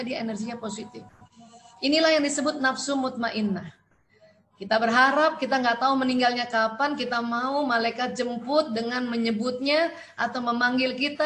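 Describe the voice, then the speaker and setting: A middle-aged woman doctor giving a lecture, animated and asking and answering her own questions. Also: high voice, a little hiss or hum.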